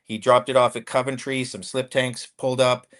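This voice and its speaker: A man's voice: medium pitch, flat delivery, moderate pace, a bit bright. A man in his fifties, a former convoy accountant, telling his story in a casual interview, rambling with many restarts and fillers.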